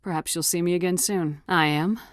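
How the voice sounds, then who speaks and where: An actress playing a tough, no-nonsense military space commander in a video game, with a clipped, assertive, businesslike delivery. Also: female voice, on the low side, steady tone, a little fast, dry recording, clean studio sound, natural voice. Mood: cool, guarded. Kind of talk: video game dialogue acting.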